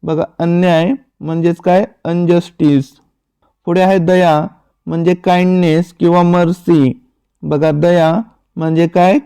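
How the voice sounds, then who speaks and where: A man teaching vocabulary in a slow, repetitive drill, saying each word, asking its meaning, then answering it himself. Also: sits high, dark tone, smooth, no echo.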